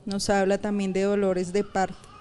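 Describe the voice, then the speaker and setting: Woman pastor, interview guest, animated storyteller who laughs often. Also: medium pitch, normal speed. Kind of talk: personal testimony in a podcast interview.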